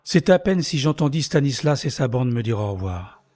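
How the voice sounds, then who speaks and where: A man's voice: medium pitch, very animated, normal speed, no echo. A man narrating his own story in the first person in an audio drama, bitter and introspective. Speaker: narrator and lead character. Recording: soft music underneath.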